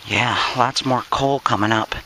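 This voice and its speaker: A man's voice: mid-range voice, unhurried, pushed and bright, slight background noise, low-quality recording. A man casually narrating a metal detecting dig to his viewers outdoors, in short repeated remarks as he works. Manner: talks to viewers while digging, repeating short exclamations.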